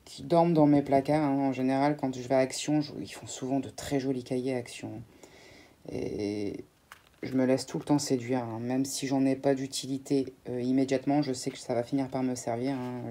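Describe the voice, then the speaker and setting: A woman's voice: a bass voice, warm tone, a little hiss or hum. A woman chatting casually to her viewers while unboxing beauty products, with frequent fillers and restarts. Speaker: beauty vlogger.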